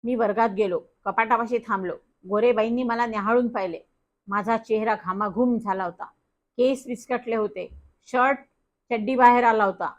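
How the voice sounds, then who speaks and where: A woman reading a children's story aloud, acting out the dialogue with lively expression. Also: on the high side, moderate pace, muffled recording.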